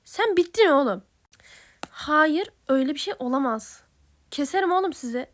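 A woman's voice: sits high, lively intonation, normal speed. A woman voicing a hot-tempered, protective teenage older brother who barks rude threats. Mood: threatening. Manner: shouting threats, blunt and rude.

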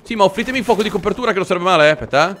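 Brief: excitable man commentating a war game, high, lively, bright voice, faint gunfire behind. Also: racing, faint music behind. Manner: excitable, swearing, jokey. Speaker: gaming commentator. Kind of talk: let's play commentary.

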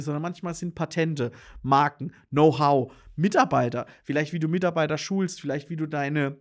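A man who runs a business consultancy, explaining earnestly and addressing the viewer directly, with frequent fillers and restarts. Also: a little high. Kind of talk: explainer monologue to camera.

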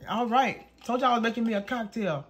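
A congested man narrating a casual cooking video from his home kitchen, relaxed and chatty, talking to viewers as y'all. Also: very high voice, brisk. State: congested, coughing. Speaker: home cook.

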